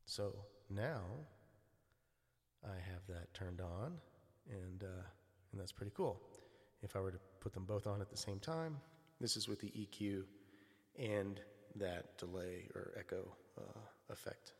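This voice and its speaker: Man's low voice with digital echo. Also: measured pace, creaky. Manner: relaxed, explanatory, with fillers. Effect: digital echo delay on the voice. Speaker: product reviewer. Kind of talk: casual gear demo.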